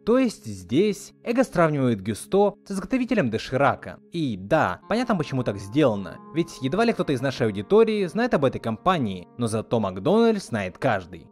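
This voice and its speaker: A man hosts a scripted video essay in a mid-pitched voice that rises and falls in a lively way. He narrates briskly with hardly any pauses, and soft music plays underneath.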